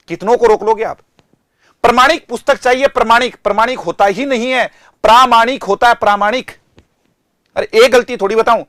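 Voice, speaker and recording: A man with an Indian accent teaching an online language lesson in a lively, teasing, mock-exasperated way. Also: high-pitched, no echo, clean studio sound.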